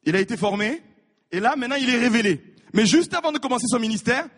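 A man preaching a sermon, animated, repeating his words and acting out the people in his stories. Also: very high voice, fast. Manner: animated, repeats words, acts out voices of biblical figures. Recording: reverberant hall.

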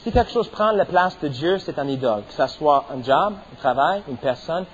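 A man's voice: a little high, lively intonation, moderate pace, lo-fi sound, a little hiss or hum. A middle-aged man preaching a sermon as pastor, stressing points and punctuating them with amens. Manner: preaching with rising emphasis and repeated amens.

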